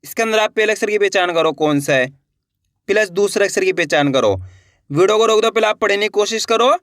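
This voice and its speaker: A woman's voice: mid-range voice, fairly bright tone, no echo, clean studio sound. A woman teaching children's reading, sounding out syllables one at a time and blending them into words, often asking the viewers questions. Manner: addresses viewers as friends, asks questions.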